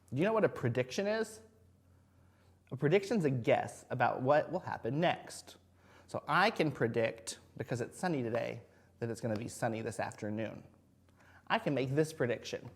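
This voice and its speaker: A man's voice: mid-range voice, creaky. Male teacher talking to young children. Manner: talking to young children, simple words with frequent questions; encouraging, singles out and spells words slowly. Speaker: first grade teacher. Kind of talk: children's video lesson.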